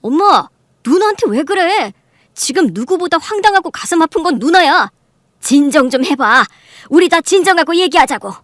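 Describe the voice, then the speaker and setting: An actor playing a protective younger brother who pleads for calm and defends his sister in a radio drama. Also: very high voice, normal speed, no room sound, studio quality. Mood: indignant. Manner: pleading, indignant.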